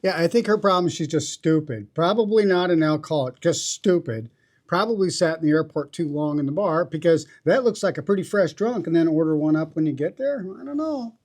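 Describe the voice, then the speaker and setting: A man's voice: a little high, lively intonation, a little fast, a little mellow. A blunt, mocking man giving lawyer's reaction commentary on footage.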